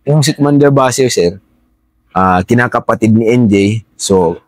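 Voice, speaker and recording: A dry recording captures a middle-aged interview guest, a former rebel fighter, speaking in a mid-range voice at a moderate pace. He narrates conversationally and with deference, frequently calling the host sir.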